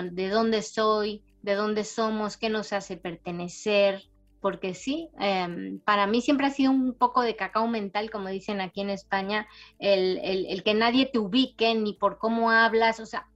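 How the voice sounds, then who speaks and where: A woman's voice: mid-range voice, muffled recording. A middle-aged Spanish-born woman raised in Panama, an author answering interview questions thoughtfully, her accent a mix of Latin American and Spanish. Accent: mixed Latin American and Spanish. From Spain, raised in Panama. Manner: warm storytelling, thoughtful, frequent tag questions. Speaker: writer, interview guest.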